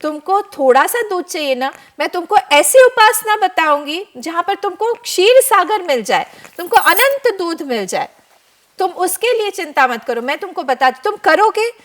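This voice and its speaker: A poor, gentle mother soothing her little son with tender reassurance, her voice high and soft, as a woman puts her on. She speaks slowly and kindly. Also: big pitch swings, full character voice.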